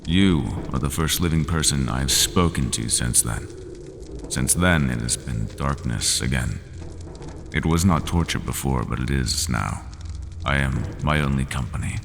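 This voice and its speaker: A man voicing the Minotaur, a lonely, brooding bull-headed prisoner, in an ASMR roleplay, telling his story slowly and bitterly. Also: a bass voice, gravelly, full character voice. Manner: slow, solemn and bitter storytelling. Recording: long reverb with faint ambient noise.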